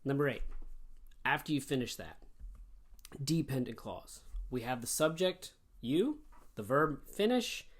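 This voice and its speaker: Man teaching grammar, lively pitch, animated and clear. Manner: animated, explains step by step. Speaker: English teacher. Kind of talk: online grammar lesson.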